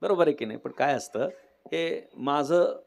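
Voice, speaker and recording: A man preaching a devotional kirtan sermon, telling a story in a lively way and acting out the dialogue. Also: a little high, normal speed, gravelly. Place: live kirtan gathering.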